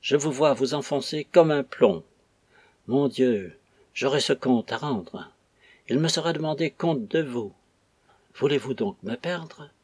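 A man's voice: mid-range voice, measured pace, darkish tone, breathy edge, no room sound. A man reading a novel aloud, voicing an old, clumsy country priest who pleads with fervent anguish. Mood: anguished pleading. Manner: pleading, impassioned outbursts. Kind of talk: audiobook reading.

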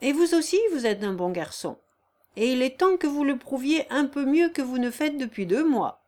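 Brief: a woman doing a cold, sardonic mill boss, loud and commanding, pitched up. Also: animated, moderate pace. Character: stern, sardonic middle-aged male mill owner.

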